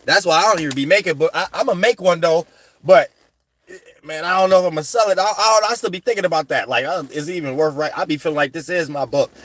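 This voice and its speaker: A man's voice: fairly high pitch, quick pace, a bit bright. A man giving a casual spiritual lecture to his viewers in a slangy, rambling, preachy way, often asking "you know what I'm saying". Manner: slangy conversational delivery. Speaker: spiritual astrology channel host.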